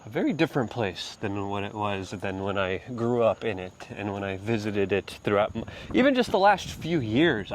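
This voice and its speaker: A man's voice: on the low side, a little hiss or hum. A man from Poland hosting a casual walk-and-talk commentary outdoors, rambling with fillers and restarts. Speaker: host.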